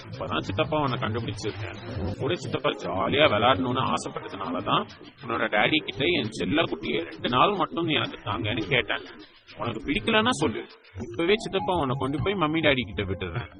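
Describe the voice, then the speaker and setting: A doting young uncle talks in a gravelly, lively voice with a lot of swing in the pitch. He coaxes his little niece with playful baby talk, and a crowd murmurs clearly behind him. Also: fairly quick, dull audio. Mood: coaxing. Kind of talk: audiobook drama acting.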